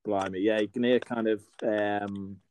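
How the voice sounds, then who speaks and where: A man's voice: lowish voice, steady tone, a little slow, a little mellow. A man in his thirties from England, hosting a casual chat interview in a chatty, friendly way with plenty of fillers. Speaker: podcast host. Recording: noisy line with keyboard typing.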